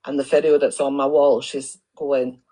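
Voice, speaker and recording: A woman with a Northern Irish accent speaks to viewers on a livestream, indignant and accusatory, repeating herself as she builds her point. Her voice is extremely low and mellow, flat in delivery at a moderate pace, and the recording quality is low.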